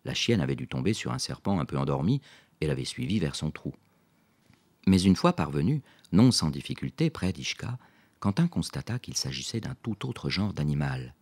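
Male storyteller, deep and expressive, scripted narration. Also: normal speed, slightly rough. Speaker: audiobook narrator.

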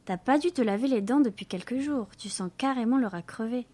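A woman's voice: a little high, warm tone, natural voice. Woman playing a bossy young French girl. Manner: halting, stumbling English, pleading. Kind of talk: audiobook character voice.

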